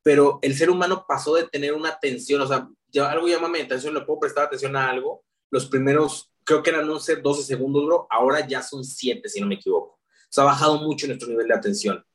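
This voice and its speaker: A young man with a Mexican Spanish accent, a podcast guest telling stories in a slangy, animated way. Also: mid-range voice, fast, recorded from a distance. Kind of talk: casual interview chat.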